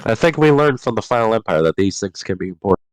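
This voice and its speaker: Low-voiced man reading notes aloud. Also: expressive, fast, clean tone, no echo, low-quality recording. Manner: reads from notes, stumbles and corrects himself. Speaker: podcast host reading chapter summaries. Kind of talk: casual book discussion.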